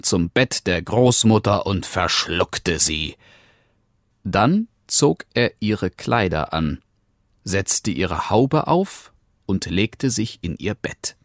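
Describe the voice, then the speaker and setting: A low-voiced man reads a classic fairy tale aloud, slow and unhurried, with lots of rise and fall in his delivery. Recorded close and bone-dry. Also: no room sound. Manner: expressive, animated reading. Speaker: narrator. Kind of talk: storybook reading.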